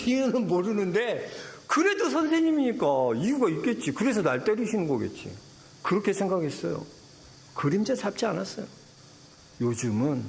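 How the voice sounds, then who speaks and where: A male pastor preaches with a high, very lively voice that swings up and down. He is middle-aged and breaks into short acted voices as he tells his story. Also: vocal fry. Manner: animated preaching, acts out biblical voices. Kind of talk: sermon.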